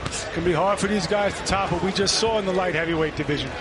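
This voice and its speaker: A man's voice: high voice, quick pace. A man giving conversational boxing commentary on a live broadcast. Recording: very noisy live venue.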